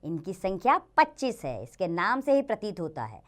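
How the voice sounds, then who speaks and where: A woman teaching a children's Hindi grammar lesson, slowly sounding out each letter and example word and speaking to the children directly. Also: mid-range voice, wildly swooping pitch.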